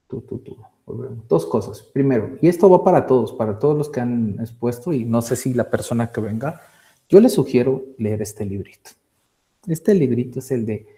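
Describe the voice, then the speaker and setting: A man from Colombia giving academic feedback on a thesis presentation, halting and repeating words as he thinks, on a video call. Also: medium pitch, dark tone. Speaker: thesis committee member.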